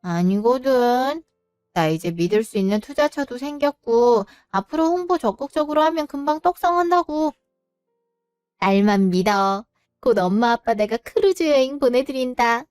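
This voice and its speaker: A woman's voice: on the high side, animated, moderate pace, darkish tone, smooth, dry recording, studio quality, soft background music, natural voice. A woman voicing a petulant, sarcastic young sister-in-law in an audio drama story. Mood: boastful.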